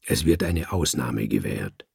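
A gravelly, husky old tomcat read by a man muses slowly about seeing and being. The voice sits a little low and soft, close and dry, with no room around it. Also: lively intonation, no room sound, full character voice. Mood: assuring. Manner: musing, philosophical, drawn-out. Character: old wise tomcat in the afterlife. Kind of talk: audiobook reading.

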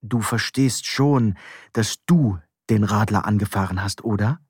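A man's voice: on the low side, measured pace, darkish tone, breathy edge, no room sound, clean studio sound. A man reading an audiobook, voicing an impatient woman who talks curtly and bitingly. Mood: sharp. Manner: curt, biting. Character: sharp, impatient woman, quick to scold.

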